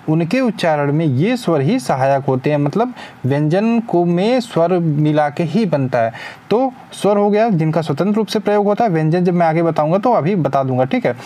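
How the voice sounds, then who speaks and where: A man's voice: on the high side, warm tone. A young man teaching an exam-prep lesson, asking questions and answering them himself. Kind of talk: spoken lesson.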